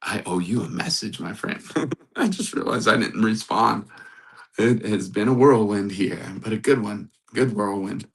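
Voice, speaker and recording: A man's voice: fairly low pitch, measured pace, creaky, rough recording. A man hosting a casual live stream as a matchmaker, upbeat, greeting viewers in the chat and repeating motivational phrases. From United States. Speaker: livestream host and matchmaker.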